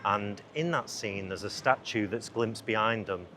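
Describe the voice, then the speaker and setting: A man's voice: on the low side, a little slow. A man hosting a podcast in a casual, rambling, easily distracted way, recorded outdoors on a lapel mic. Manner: easily distracted, chatty, self-interrupting. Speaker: podcast host and filmmaker. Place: outdoors on a busy city riverside. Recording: outdoor lapel mic with loud surrounding noise. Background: loud outdoor ambience.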